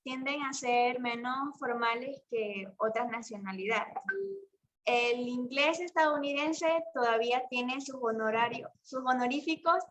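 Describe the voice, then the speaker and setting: Young female student, raised pitch, very slow and halting read. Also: fairly bright tone, slight background noise. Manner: halting, careful reading with self-corrections. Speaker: university student presenting. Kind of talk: reading a class presentation aloud.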